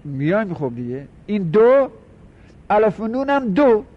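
A man teaching a class on Arabic word patterns, explaining step by step, repeating terms and asking students quick questions. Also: high voice, big pitch swings. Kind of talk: classroom lecture, explaining and counting forms. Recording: muffled lo-fi recording.

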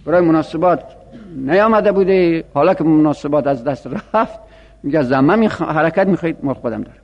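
High-voiced man lecturing in a reverberant hall. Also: muffled recording. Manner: explanatory, rhetorical questions, speaks for the word itself. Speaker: Arabic grammar teacher. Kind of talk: classroom lecture on Arabic morphology.

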